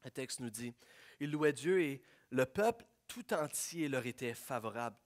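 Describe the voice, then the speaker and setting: A man preaching a sermon, swinging from hushed prayerful lines to loud, excited storytelling. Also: mid-range voice, normal speed. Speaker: pastor.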